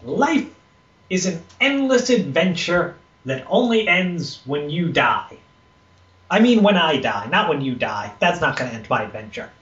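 Man as little male fairy, tabletop game character, boastful, whimsical, animated, slightly high for a man, muffled sound. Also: unhurried. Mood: whimsical musing. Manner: self-important, whimsical. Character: tiny invisible male fairy spymaster, flighty and boastful. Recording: roomy, noisy, muffled tabletop recording.

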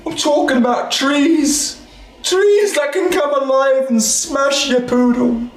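A man's voice: very high-pitched, slow, voice pushed up, exaggerated voice. A man voicing a maudlin, sentimental drunk man with a plaintive way of talking in a tabletop game. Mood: wistful, pleading. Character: maudlin drunk man mourning his beloved pet poodle. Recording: roomy echo.

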